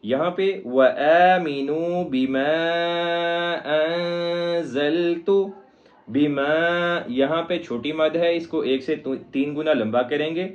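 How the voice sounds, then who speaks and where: A man's voice: a little high, hardly any pauses, a little mellow, lo-fi sound. A man teaching Quran recitation in a recorded lesson, patiently explaining each step.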